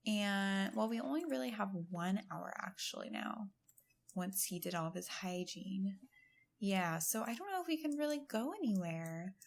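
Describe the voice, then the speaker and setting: A woman's voice: medium pitch, animated, moderate pace, gravelly. A woman hosting a let's-play, giving chatty, giggly gameplay commentary and laughing often. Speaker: gaming channel host.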